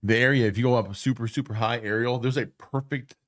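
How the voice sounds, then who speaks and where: A man's voice: mid-range voice, fairly even intonation, a little fast, a bit bright, no room sound, studio quality. A man co-hosting a podcast in casual chat, rambling and swearing, often restarting his sentences. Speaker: podcast co-host.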